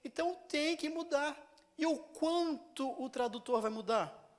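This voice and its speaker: A man's voice: very high-pitched, measured pace. A man with a Brazilian Portuguese accent giving a teaching sermon in a church, talking in a conversational way and explaining with examples and questions to the congregation. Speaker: preacher.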